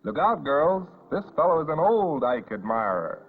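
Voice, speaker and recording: 1950s newsreel narrator, tinny vintage sound. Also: male voice, fairly high pitch, sing-song, moderate pace. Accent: American. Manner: scripted, announcer-like delivery. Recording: muffled vintage newsreel audio, phone-like band. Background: loud background music.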